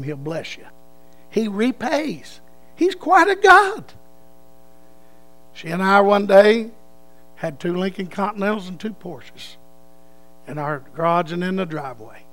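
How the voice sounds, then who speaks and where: An older man preaches in a high-pitched, gravelly voice. He tells stories in a folksy way and leads prayer, his volume rising and falling. Faint instrumental music sits underneath. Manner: folksy, swings between loud and hushed. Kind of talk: sermon with storytelling and prayer.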